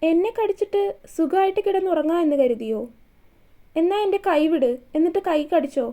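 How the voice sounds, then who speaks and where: A woman's voice: extremely high pitch, brisk, warm tone. Woman doing a teasing young husband. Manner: playful teasing.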